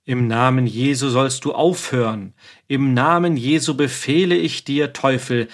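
A man's voice: mid-range voice, fairly even intonation, a little slow, lightly acted. A man voicing a stern priest exorcist who commands and scolds a demon in a preaching tone. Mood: commanding.

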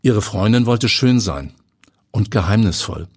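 A man voicing a curious, sharp young male journalist who asks and explains, with a husky edge. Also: on the low side, lively intonation, unhurried, no echo, clean studio sound. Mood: inquisitive. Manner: inquisitive, explaining.

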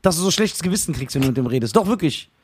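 A young man co-hosting a casual podcast, telling a story with animated retellings and frequent laughs. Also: on the high side, rapid-fire, a little hiss or hum. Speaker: podcast co-host.

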